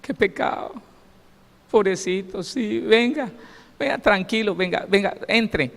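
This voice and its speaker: A man putting on a coaxing, soft-hearted healer. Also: measured pace, vocal fry, full character voice. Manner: high, coaxing and pleading. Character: overly soft, coaxing male healer, mocked. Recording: long reverb of a large hall.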